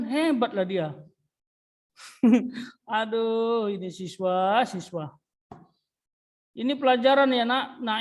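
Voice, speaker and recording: A man teaching a religion class, scolding students in an exasperated way and dropping English interjections. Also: very high-pitched. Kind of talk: classroom lecture.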